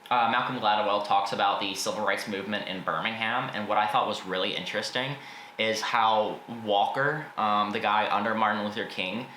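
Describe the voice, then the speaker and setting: Recorded in an echoey room with faint background noise, a video host reviews a book casually, blunt about what he thinks but often softening it with hedges. His fairly low voice has a sharp tone and a moderate pace.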